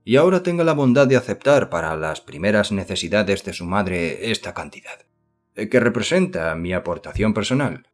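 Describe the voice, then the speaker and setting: A man voicing a self-important middle-aged gentleman who speaks formally and condescendingly in an audiobook. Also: on the low side, sing-song, normal speed, faint music behind.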